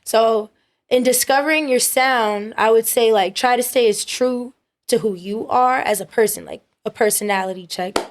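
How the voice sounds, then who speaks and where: A young singer-songwriter with a high-pitched voice talks casually as an interview guest, relaxed and quick to laugh, with plenty of fillers. There's slight noise in the background.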